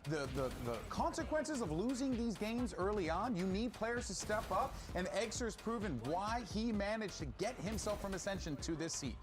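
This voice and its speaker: A man hosts an esports analysis desk with a lively, animated delivery, stacking his points one after another. His pitch sits a little high and swings widely, with music faint behind him. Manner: brisk, animated, building points in lists.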